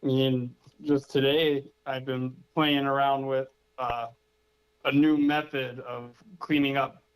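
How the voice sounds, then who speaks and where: A man as a guest on a casual call-in interview, relaxed and explaining things plainly. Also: medium pitch, slow, clean tone, rough recording.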